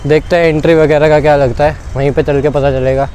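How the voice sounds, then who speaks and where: An Indian travel vlogger in his twenties chats casually to viewers while walking around an open fort ruin, talking colloquially and calling them "brother." His voice is a little high, level and warm, and he talks fast. A clip-on lapel mic captures him clearly against outdoor background noise.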